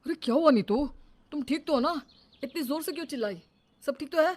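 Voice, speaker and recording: A woman's voice: high voice, lively intonation, fairly quick. A woman voicing an earnest grown man, a son and husband, in a cartoon story. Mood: concerned. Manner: earnest, pleading.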